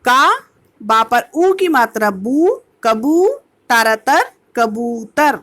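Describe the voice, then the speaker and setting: A woman teacher leads an online lesson for young children. Her voice sits high and light. She moves at an unhurried pace, sounding out each word piece by piece with steady patience. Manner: slow, patient syllable-by-syllable sounding out of words. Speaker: primary school teacher. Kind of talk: online kindergarten Hindi lesson.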